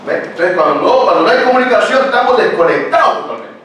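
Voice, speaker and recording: A man's voice: sits high, animated, fast talker, a bit bright. An older man preaching a sermon as pastor, talking to the congregation in a casual way and asking them many rhetorical questions. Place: church hall. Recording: very echoey church hall, picked up from a distance.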